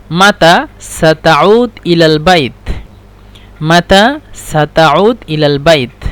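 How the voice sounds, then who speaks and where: A man teaching spoken phrases in a slow, deliberate lesson, repeating every sentence two or three times. His voice sits fairly high for a man. He pauses and restarts often as he explains. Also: a bit bright. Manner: hesitant, with many fillers and restarts. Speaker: Arabic teacher. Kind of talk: slow repetitive language lesson.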